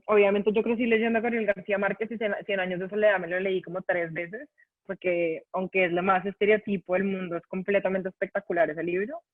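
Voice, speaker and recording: Young bogota guy with a bogota accent, high voice, earnest, keeps repeating himself, tinny call audio. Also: no room sound. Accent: Bogotá Colombian Spanish. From Bogotá, Colombia. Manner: earnest, repeats phrases, asks "you know?". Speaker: writer guest. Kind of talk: reflective interview answer. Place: home abroad.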